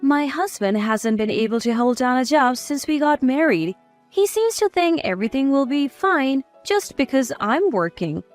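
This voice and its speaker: A woman in her sixties telling a first-person story in a measured, confiding way. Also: sits high, big pitch swings, soft background music. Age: 60s. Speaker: narrator.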